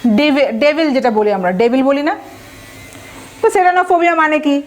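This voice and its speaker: A woman with a Bangladeshi accent gives an exam-prep vocabulary lesson in a high voice. She explains word roots step by step and keeps checking that her listeners follow. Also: moderate pace. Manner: explains patiently with frequent checking questions. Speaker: vocabulary teacher.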